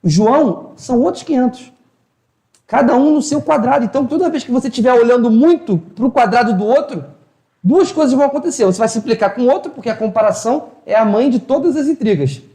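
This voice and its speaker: A man's voice: very high-pitched, expressive, quick pace, dark tone. A man giving an informal spiritual talk, telling stories in colloquial slang and acting out the dialogue. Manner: colloquial storytelling, acts out dialogue. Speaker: spiritual lecturer. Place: hall of a spiritual house. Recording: roomy echo.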